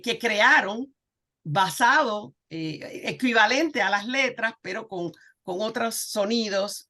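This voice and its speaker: A woman's voice: medium pitch, bright, forceful tone. A woman giving an informal history lecture over slides, chatty, with many fillers and checking questions to her class. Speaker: history teacher.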